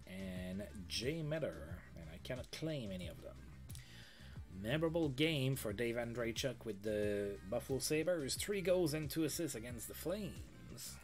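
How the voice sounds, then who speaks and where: This man's mid-range voice is animated but his pace is measured, and faint music sits behind him. He plays a sports management game on stream, chattily reading the game's news and dropping in casual asides.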